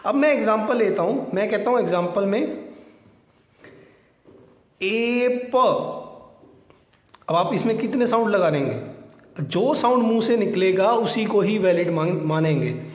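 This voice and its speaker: A man teaches a shorthand lesson in a high voice, posing questions and answering them himself, and saying the key points twice. The room is roomy, and a long reverb trails behind his words. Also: lively intonation, measured pace, pauses often. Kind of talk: classroom lesson, Hindi mixed with English.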